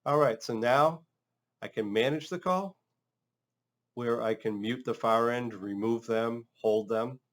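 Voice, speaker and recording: Man, instructional narration, casual step-by-step explaining, medium pitch, phone system trainer. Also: unhurried.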